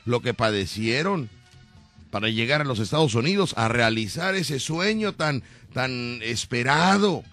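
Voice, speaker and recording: A man's voice: medium pitch, a little slow, soft background music. A man hosting a comic radio show with a Mexican accent, joking and laughing as he teases. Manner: joking, laughing, animated teasing. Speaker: radio comedy host.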